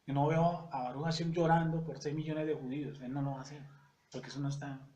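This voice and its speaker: A man teaching a Bible study in a conversational way. He often checks in with the audience and reads scripture verses slowly and deliberately. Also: a little high, steady tone, warm tone, muffled recording. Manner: conversational, keeps asking "yes or no?" to the audience.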